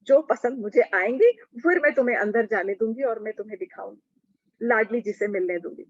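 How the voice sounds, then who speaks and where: A woman's voice: on the high side, brisk, breathy edge, no echo. A woman voicing a teasing, bossy young maiden companion guarding her mistress's door. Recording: dull lo-fi recording.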